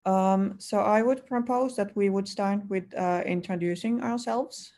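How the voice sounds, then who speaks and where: Woman, panel moderator on a video call; unhurried, creaky, halting delivery. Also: mid-range voice, dark tone. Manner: halting, many fillers. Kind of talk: hosting an online roundtable.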